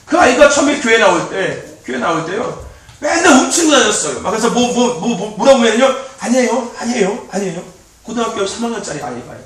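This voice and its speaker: Youth pastor, male, animated sermon delivery, recorded far off in a very echoey church hall. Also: very high-pitched, fast talker. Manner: animated, repetitive, laughing often. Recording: very echoey, distant mic.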